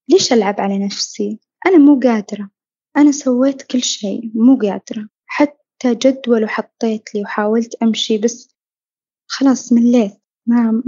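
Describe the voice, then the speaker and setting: A woman earnestly telling her own story, reflective and at times dropping to a soft near-whisper. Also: fairly high pitch, breathy edge, no room sound, dull audio. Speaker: podcast guest sharing her story. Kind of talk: personal storytelling.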